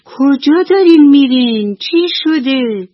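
A woman's voice: low-pitched, breathy edge, lo-fi sound. A woman voicing a self-absorbed male grasshopper in a bedtime radio story, asking questions in a raised, surprised voice. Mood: curious.

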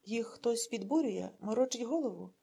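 A woman reads as a zealous male secret-police officer, hoarse from shouting and full of fervent speechmaking. The voice is husky and mellow and sits fairly high. It carries the weight of a storybook read aloud. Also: animated, moderate pace, exaggerated voice. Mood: probing. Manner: fiery speechmaking, rising to shouts.

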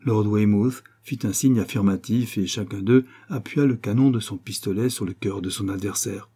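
A man reading a classic French novel aloud as an audiobook, in a measured narrating tone. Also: fairly low pitch, dark tone, breathy edge. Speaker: audiobook reader.

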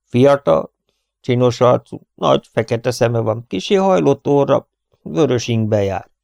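Egy férfi, aki egy indulatos, fenyegető öreg farmert szólaltat meg egy hangoskönyvben, parancsoló, nyers modorban. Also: male voice, medium pitch, gravelly, darkish tone, dry recording, muffled recording, lightly acted. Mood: menacing. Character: old hot-tempered male rancher, threatening.

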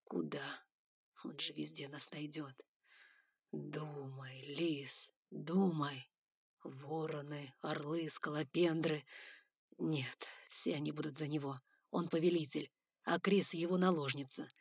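A woman reading an audiobook, voicing an anxious male fox thinking aloud in a quiet, hurried way. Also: deep voice, fairly even intonation, husky, no room sound, studio quality, exaggerated voice.

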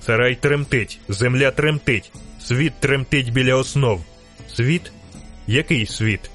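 A man narrates an audiobook with a steady, rhythmic storytelling delivery at a middle pitch. Soft music runs faintly beneath his reading. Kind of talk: scripted narration.

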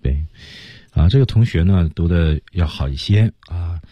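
Deep-voiced male English teacher on radio. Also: lively intonation, dark tone, slightly rough, dry recording, muffled recording. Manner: explains slowly, models lines in English.

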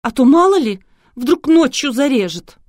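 A woman's voice: on the high side, normal speed, warm tone, no echo, studio quality, pitched above the performer's own voice, lightly acted. A woman voicing a hysterical, furious bride who shrieks at everyone, in an audiobook. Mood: indignant.

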